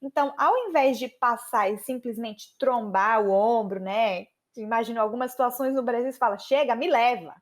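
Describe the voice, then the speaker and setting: Brazilian lady teaching english on her podcast, high voice, chatty, slows down to repeat phrases. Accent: Brazilian Portuguese. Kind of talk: podcast language lesson.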